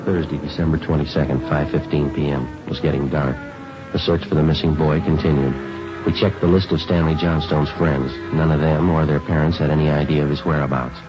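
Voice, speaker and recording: An actor playing a deadpan, clipped police sergeant who narrates and questions in a vintage radio drama, courteous and matter-of-fact. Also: male voice, a bass voice, brisk, over music. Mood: flat, factual. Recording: dull, band-limited vintage radio recording.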